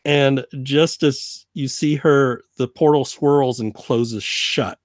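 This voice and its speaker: A man casually narrating a tabletop game as game master, in a halting, informal way. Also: mid-range voice, steady tone, dry recording, clean studio sound.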